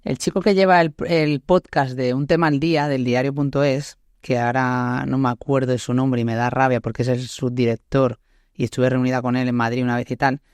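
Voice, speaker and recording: A woman's voice: a bass voice, fairly even intonation, a little fast, darkish tone, no echo, clean studio sound. Andalusian woman host, reflective. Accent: Andalusian Spanish. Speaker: podcast host. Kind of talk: casual interview chat.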